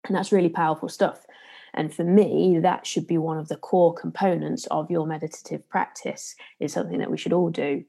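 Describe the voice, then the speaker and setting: A woman's voice: low voice, fairly even intonation, brisk, creaky, mellow, slightly rough. A woman with a Leicester accent from the English East Midlands, hosting a podcast and explaining things casually with careful diction. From Leicester area, England. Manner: speaking carefully to be understood. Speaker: podcast host and meditation trainer.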